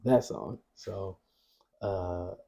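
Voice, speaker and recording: A man with a deep, very dark voice and a husky edge. He talks in a laid-back, casual way, hedging his points as he explains. He is speaking quietly at home late at night. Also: extremely slow. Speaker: podcast co-host. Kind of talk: casual chat. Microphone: podcast mics.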